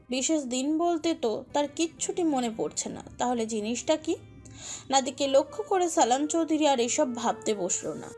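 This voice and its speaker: Expressive woman narrating a romance. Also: sits high. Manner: expressive, emotive storytelling. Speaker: story narrator. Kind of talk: dramatic scripted narration of a romantic audio story.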